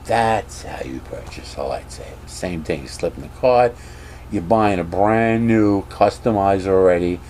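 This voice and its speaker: A man vlogging casually, rambling and animated as he gives strong opinions. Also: sits low, unhurried, a little hiss or hum.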